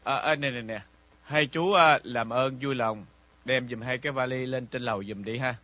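A middle-aged actor playing a worried father and homeowner who speaks politely and tries to smooth things over. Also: mid-range voice, moderate pace, natural voice. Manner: conciliatory, polite. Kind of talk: radio drama acting. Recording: dull lo-fi recording with faint music.

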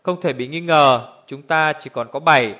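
A man reading an audiobook in steady, even scripted narration, on a dull lo-fi recording. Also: fairly high pitch, normal speed.

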